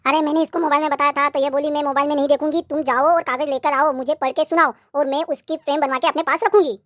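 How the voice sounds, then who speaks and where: A woman plays a put-upon young husband in a cartoon, explaining in a rush. The voice is high. It is dry and close. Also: steady tone, quick pace, fairly bright tone, no echo.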